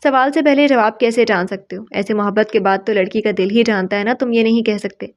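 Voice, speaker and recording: A woman's voice: medium pitch, no room sound, studio quality, natural voice. Woman reading as a firm, caring young woman. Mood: reproachful.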